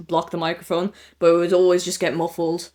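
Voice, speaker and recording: A man co-hosting a podcast in relaxed, casual chat, laughing often and using lots of fillers. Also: high-pitched, brisk. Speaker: podcast co-host.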